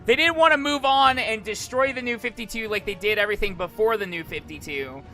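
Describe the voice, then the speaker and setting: A man's voice: high voice, fairly quick, pushed and bright, faint music behind. A man streaming casual live commentary, rambling and hesitant, often repeating and restarting his phrases. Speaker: streamer, virtual YouTuber.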